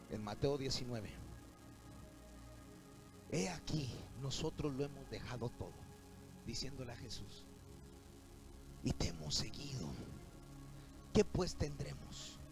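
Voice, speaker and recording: A man preaching a sermon to his church congregation, often rising to shouts. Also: mid-range voice, gravelly, low-quality recording. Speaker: pastor. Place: church sanctuary.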